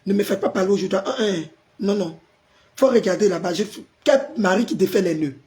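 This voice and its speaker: A pastor hosting a live stream, hoarse from a sore throat and forcing his voice out as he chats with viewers and answers their comments. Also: high-pitched, brisk, a little mellow. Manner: chatty, greets viewers by name and answers comments.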